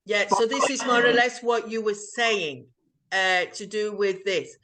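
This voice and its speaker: A woman hosting an English conversation lesson, explaining earnestly and deliberately. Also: medium pitch, a bit bright. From north. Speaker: host and English teacher.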